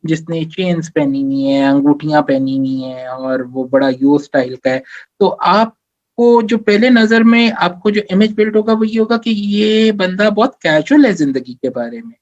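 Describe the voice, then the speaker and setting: A career advisor with a voice on the high side speaks at normal speed, the audio sounding dull, in a live question-and-answer workshop. He explains things step by step, mixes in English phrases and often checks in with "theek hai."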